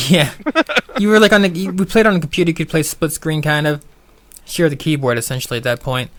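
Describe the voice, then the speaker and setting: A man with a notably high voice tells a story on a casual podcast. He talks excitedly and rambles, with plenty of fillers and restarts along the way. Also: quick pace, dry recording. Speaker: podcast co-host.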